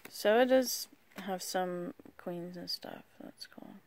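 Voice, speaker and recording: A woman casually walking through a deck of oracle cards, rambling and hesitant with lots of pauses. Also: fairly low pitch, gravelly, a little mellow, slight background noise. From rural United States. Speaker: vlogger. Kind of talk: casual card walkthrough.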